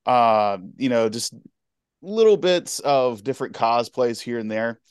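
Young man, casual interview guest, halting easygoing talk, dry close sound. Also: medium pitch, expressive, smooth, no echo. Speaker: guest Twitch streamer and cosplayer.

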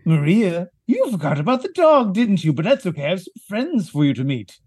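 A man's voice: high voice, sing-song, fairly quick, a little mellow, husky, no echo, clean studio sound, voice pushed up, heavily acted. A man voicing a cheeky goat that talks in a sly, coaxing way. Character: cheeky goat talking to a girl.

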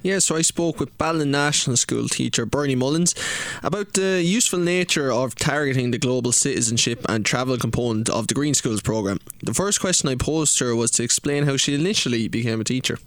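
Irish male radio interviewer, conversational, medium pitch, dry recording. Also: a little fast, hardly any pauses, a bit bright, no echo.

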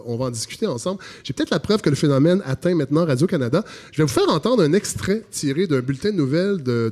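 A man's voice: on the high side, a little mellow. A man, hosting a podcast and delivering satirical news commentary in a mock-serious, ironic way with many hesitations. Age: 40s. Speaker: podcast host.

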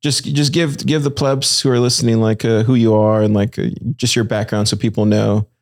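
A male host with a gravelly, low voice chats casually with his guest while sitting in a car. He rambles easily, circling back on his words. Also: flat delivery, brisk, darkish tone. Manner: laid-back, rambling with fillers. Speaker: podcast host. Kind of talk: casual chat.

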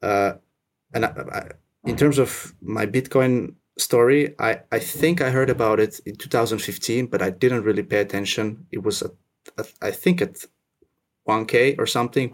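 Man, young, low pitch, creaky, casual, self-deprecating, restarts a lot. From Russia, raised in Finland. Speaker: podcast guest. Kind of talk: casual interview chat.

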